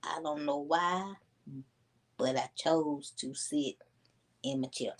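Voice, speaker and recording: A woman, casually telling a story to her viewers in a chatty, animated way. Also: low-pitched, slow. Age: 20s. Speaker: vlogger.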